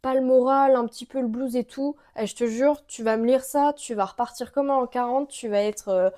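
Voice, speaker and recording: A woman's voice: on the high side, steady tone, normal speed, dark tone. A young woman with a French accent, chatting casually to camera about books as a vlogger, gushing and full of fillers. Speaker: book vlogger.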